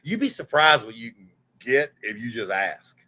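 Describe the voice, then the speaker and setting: A man in his forties talks as a guest in a casual livestream chat. His voice is bright and forceful, and his pitch rises and falls a lot. He tells stories candidly and swears freely. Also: normal speed, breathy edge. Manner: animated, candid storyteller who swears freely.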